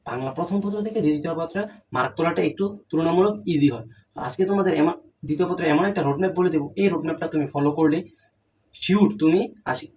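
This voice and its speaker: Rapid-fire young male exam tutor. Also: fairly high pitch, darkish tone, slight background noise, poor audio. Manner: rapid, coaching, repeats "ঠিক আছে?" to check in. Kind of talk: exam-prep lesson.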